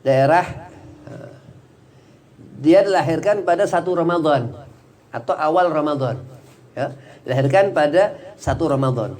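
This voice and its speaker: A man's voice: a little high, animated, a little slow, pauses often, a little mellow. A man teaching a religious study class, explaining in a chatty, digressive way with many small fillers.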